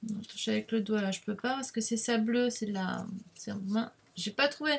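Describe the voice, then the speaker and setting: A middle-aged French-accented woman talks her viewers through a craft project in a relaxed, chatty way. Her voice is somewhat high, with a gravelly, husky texture, and she speaks slowly, filling pauses with little asides and jokes about herself. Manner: chatty, self-deprecating, jokey, many fillers like "hein". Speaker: craft video host. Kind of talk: casual crafting tutorial talk. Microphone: webcam mic at the desk.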